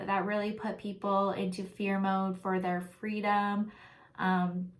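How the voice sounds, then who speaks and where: A woman from Canada in casual spiritual talk, rambling with many ums and likes as she recounts a dream. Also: medium pitch. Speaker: spiritual vlogger.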